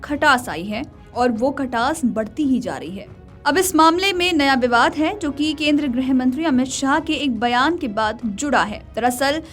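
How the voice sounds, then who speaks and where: A woman's voice: sits high, expressive, moderate pace. A woman reading a scripted news report as a video news presenter. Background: faint music.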